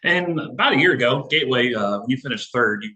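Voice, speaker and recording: Male reporter, bright voice, rambling questions, video call. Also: medium pitch, expressive, quick pace, low-quality recording. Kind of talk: press conference question.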